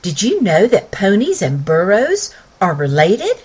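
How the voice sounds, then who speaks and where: A woman voicing a calm, kindly mother in a children's story, talking in a gentle manner. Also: medium pitch, a little slow, slightly rough, exaggerated voice.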